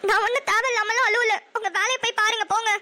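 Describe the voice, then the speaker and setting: A woman's voice: very high-pitched, fairly even intonation, fast talker, pushed and bright. A woman voicing a hurt, sulky young wife in a cartoon who talks back petulantly. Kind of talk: cartoon voice acting.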